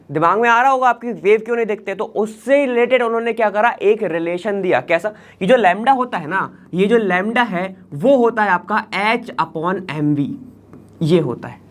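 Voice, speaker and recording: A man teaching an online chemistry lesson in casual Hindi mixed with English terms. He explains step by step, keeps checking in with "ठीक है" and asks questions aloud. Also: high voice. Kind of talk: online exam-prep lesson.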